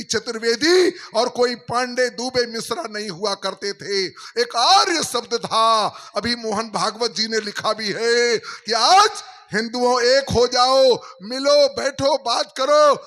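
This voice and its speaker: A man's voice: very high voice, bright, forceful tone. A middle-aged man, president of a religious society, giving a fiery, declamatory speech at its annual festival and reciting rhyming verse.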